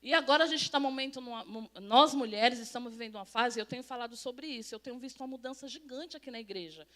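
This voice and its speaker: A middle-aged Brazilian woman preaches in a church with a high, light voice. Her sermon is chatty rather than solemn. She keeps stopping to quiz the congregation directly. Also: fast, a crowd in the background. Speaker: pastor. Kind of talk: conversational sermon. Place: church sanctuary.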